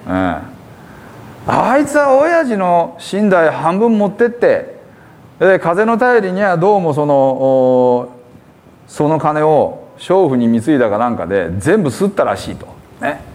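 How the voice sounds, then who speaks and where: A man's voice: fairly high pitch, sing-song, a little slow, darkish tone. A man preaching a sermon with a Hiroshima accent, retelling a parable and acting out the characters' lines. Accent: Hiroshima dialect.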